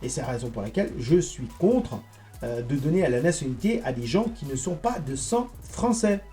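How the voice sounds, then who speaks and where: A man giving a rambling, indignant monologue to his viewers, halting and restarting as he goes. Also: mid-range voice, lively intonation, mellow, soft background music. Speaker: online political commentator.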